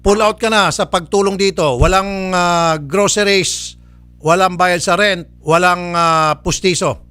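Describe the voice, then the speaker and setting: A man's voice: sits high, unhurried, pushed and bright, smooth, no room sound, soft background music. A man hosting a public service show, scolding a caller with curt refusals and mocking laughs. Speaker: radio-TV public service host. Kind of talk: stern on-air case ruling.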